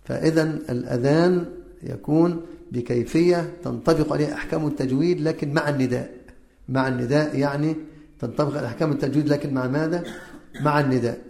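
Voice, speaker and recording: Religious teacher, slightly high voice, quizzes the class with repeated questions, chants examples, roomy echo. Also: male voice, steady tone, fast talker, vocal fry, dark tone. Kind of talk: religious lesson on the call to prayer.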